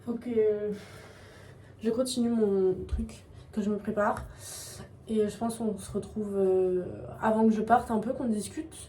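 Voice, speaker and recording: A woman's voice: medium pitch, fairly even intonation, measured pace, dark tone, distant mic. A young woman vlogging casually at home while getting ready, rambling and self-mocking in slangy talk. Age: young adult. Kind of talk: casual vlog chat. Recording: echoey room, voice off-mic, faint background noise.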